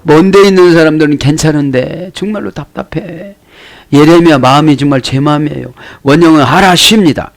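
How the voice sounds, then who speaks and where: A man's voice: on the high side, brisk, gravelly. A man, a pastor giving a Bible study sermon, explaining words one by one and asking the listeners rhetorical questions.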